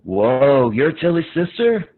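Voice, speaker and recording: Crude, eager high school gamer boy played by a man, blurting and slangy, thin phone-quality sound. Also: big pitch swings, slow. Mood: leering, excited. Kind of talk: amateur play reading. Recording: tinny, band-limited phone-like audio.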